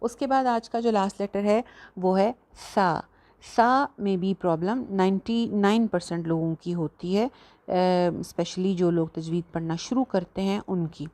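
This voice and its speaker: A woman teaching a tajweed lesson, patiently explaining and slowly demonstrating each letter sound. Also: mid-range voice, warm tone. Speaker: Quran recitation teacher.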